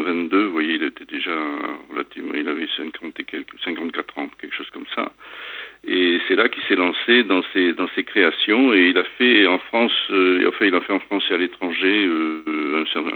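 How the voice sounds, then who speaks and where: A man, a museum founder, answering questions in a phone interview, hesitant and trailing off quietly at the ends of phrases. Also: low-pitched, steady tone, brisk. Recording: tinny phone line.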